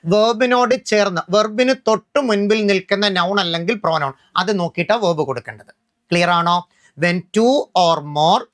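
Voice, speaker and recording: Grammar tutor for exam prep, mid-pitched, quizzes the class and reads examples slowly. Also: a bit bright. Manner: asks quick quiz questions and answers them, often checks if it is clear. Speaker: English grammar teacher.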